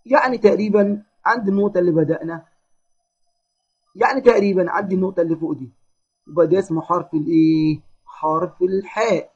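A man with an Egyptian accent teaching young children their letters, praising them and drawing out each syllable slowly. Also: high-pitched, husky. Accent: Egyptian Arabic. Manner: encouraging, drawn-out syllable drills. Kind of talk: children's phonics lesson. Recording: dull lo-fi lesson audio.

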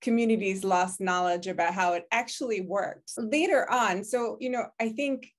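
A woman's voice: mid-range voice, normal speed. A woman from Hungary with a Hungarian accent, English not her first language, recalling her story in a reflective oral history interview over a video call, filling her talk with "you know.". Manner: reflective, frequent "you know", laughs easily. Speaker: interviewee, public health professor. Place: home office, virtual background.

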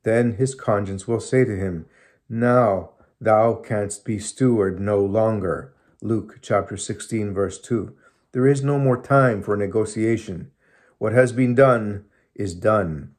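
A man in his fifties reading old sermons aloud at home, measured and solemn, dropping his voice for scripture citations. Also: on the low side, darkish tone. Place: small room at home, indoors. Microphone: phone or webcam close in front.

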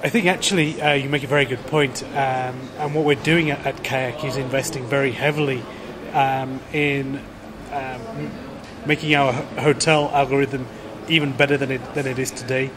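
A man in his thirties, a company executive giving a conference interview in a measured, polished way, often restarting words. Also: mid-range voice, steady tone, a crowd in the background. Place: large indoor conference hall. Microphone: handheld camera close to the face.

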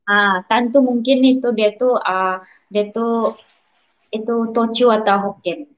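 A woman's voice: on the high side, steady tone, slow. A young woman with a Sabah Malaysian accent, chatting casually as a guest and mixing in English words. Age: young adult. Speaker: interview guest. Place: small indoor room. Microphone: wired earphones on a video call. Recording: dull video call audio.

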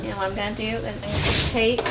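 A homesteading cooking vlogger in her thirties talks to the camera in her home kitchen, casually explaining each step as she works. Her medium-pitched voice is fast and flat. Loud music plays behind her, and the recording quality is low.

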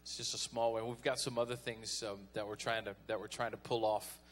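A man's voice: on the low side, level tone, brisk, fairly bright tone, a little hiss or hum. A man preaching a folksy, conversational sermon as pastor, calling on the congregation to respond.

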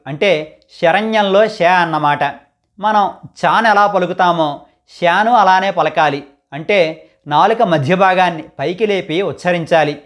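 A man with a fairly high voice teaches pronunciation in a calm, scripted lesson. He goes step by step, saying single letters and sample words slowly and clearly, one after another. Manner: measured, methodical, spells out letters and example words one by one. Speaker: teacher of a literature channel.

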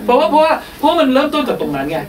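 A man's voice: very high-pitched, very animated, very fast, distant mic. A man leading a teacher-training workshop, explaining the steps and checking in often with his listeners. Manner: explains with repeated checking questions.

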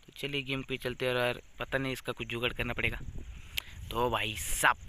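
A man's voice: medium pitch, little pitch movement, brisk, bright, forceful tone, slight background noise. A young man giving casual, joking gameplay commentary as a gaming YouTuber, teasing the baby on screen.

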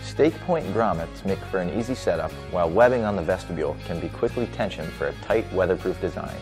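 A man reading a scripted promotional voice-over with a smooth, polished delivery. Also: low-pitched, lively intonation, fast. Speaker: product narrator. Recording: voice-over with light music underneath.

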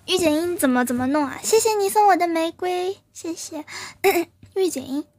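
A woman's voice: very high voice, moderate pace, darkish tone. A woman streamer chatting casually and playfully with her live viewers, often giggling and thanking them.

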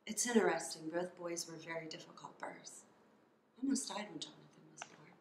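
A middle-aged woman acting a grieving, steadfast mother in a dramatic monologue, halting and intimate, breathy and hushed at times. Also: fairly low pitch, lightly acted. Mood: tender reminiscing. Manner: halting, emotional, intimate delivery. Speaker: actor performing a monologue. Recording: roomy, with background noise.

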